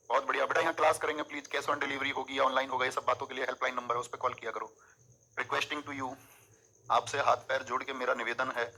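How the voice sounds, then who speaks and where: A man teaching an exam coaching class in a lively way, coaxing students with memory tricks. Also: medium pitch, husky, rough recording.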